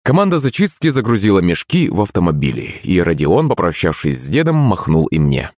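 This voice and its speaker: A man narrates an audiobook in a deep, husky voice. His intonation rises and falls with lively storytelling. The sound is dry and close, with no room around it. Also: fairly quick, no echo.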